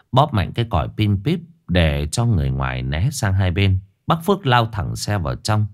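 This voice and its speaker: A man narrating an audio story in a dramatic, lively way. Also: low voice.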